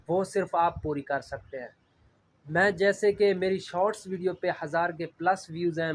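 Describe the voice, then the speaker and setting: Man from Punjab in Pakistan, vlogger, earnest rambling chat, a bit high-pitched, faint background hum. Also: rough recording. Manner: earnest, rambling, heavy use of the filler "jo hai". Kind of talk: casual talk to camera.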